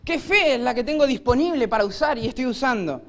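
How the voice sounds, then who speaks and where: Rioplatense male pastor, high-pitched, lively storytelling sermon. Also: fast. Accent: Rioplatense Spanish. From Argentina. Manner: storytelling preacher, acts out voices with shouts. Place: church.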